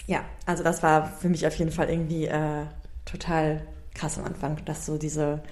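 A woman's voice: low-pitched, level tone, moderate pace, a little mellow. A young woman co-hosting a podcast, chatting casually about early motherhood with lots of fillers and tag questions. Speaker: podcast co-host. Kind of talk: casual chat.

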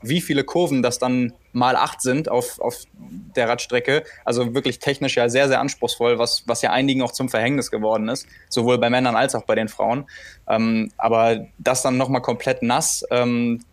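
A man chats as a podcast expert over a remote link. He talks in halting runs, stopping and restarting while he works out his points. His pitch sits in the middle range. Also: steady tone, no room sound. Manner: hesitant, many fillers and restarts, thinking aloud. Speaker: podcast co-host, triathlon expert. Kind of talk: casual podcast chat. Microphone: remote call.

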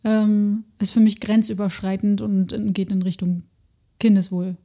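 A woman educator speaking in a casual podcast conversation, her voice mellow. She talks bluntly and with emphasis, cutting in firmly to make her point. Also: medium pitch, little pitch movement, moderate pace. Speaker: podcast co-host; early childhood educator.

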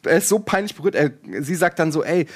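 Young male host, slightly high voice, lively retelling with laughs. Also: fast. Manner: animated storyteller, laughing, acts out quotes. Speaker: podcast host recommending a series. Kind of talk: casual chat.

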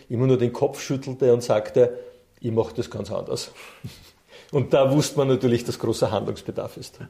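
A middle-aged man, a coach and trainer, appears as an interview guest and shares personal stories conversationally. His tone is mellow and relaxed, and his pitch sits at an average male level.

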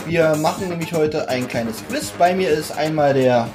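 A man's voice: a little high, normal speed, music in the background. A young man hosting a small quiz on a casual podcast in a room with friends, laid-back and stumbling over words now and then. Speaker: quiz host.

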